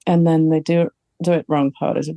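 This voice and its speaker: A woman talks through her feelings in a therapy session over a video call, halting and unsure, stopping often to find the right word. Her voice is soft and mellow. The sound is dry and close. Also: low voice, little pitch movement, no echo. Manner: hesitant, halting, searching for words. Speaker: therapy client. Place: home.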